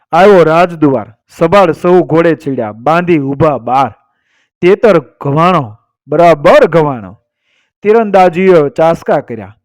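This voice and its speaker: A man telling a dramatic folk tale in an expressive, rhythmic storytelling voice. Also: a little high, no echo.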